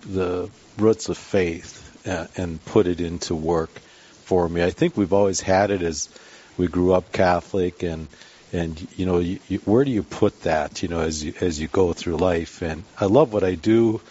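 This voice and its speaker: A man giving a casual, plainspoken interview answer as a business guest, halting and rambling a little. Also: deep voice, fairly even intonation, warm tone, slightly rough. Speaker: round-table guest, business owner. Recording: dull band-limited radio sound.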